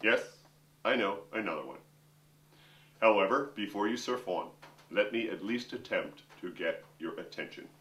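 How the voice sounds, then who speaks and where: Teaching his viewers directly from a piano room, a middle-aged vocal coach and opera singer jokes and chats in a lowish, fairly bright voice. He speaks animatedly at normal speed with long pauses, picked up by a distant mic in a roomy space.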